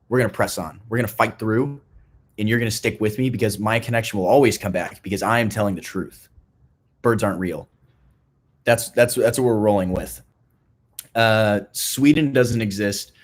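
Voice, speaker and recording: A young man giving a playful, mock-serious talk to a youth group, rambling with restarts and a deadpan tone. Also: lowish voice. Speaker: youth ministry speaker.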